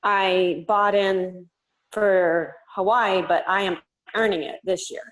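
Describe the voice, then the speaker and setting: Woman, speakerphone, breaking-up call line, mid pitch, casual eager chat. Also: fairly even intonation, slow pace, rough recording. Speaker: team member on a group call. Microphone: speakerphone into a video call.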